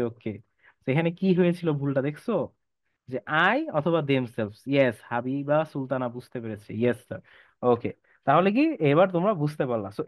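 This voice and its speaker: A young man with a Bangladeshi Bengali accent teaching a live online English class. He calls out student names and reads example sentences slowly and drawn out. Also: fairly high pitch, no echo. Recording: dull, dry, lo-fi sound.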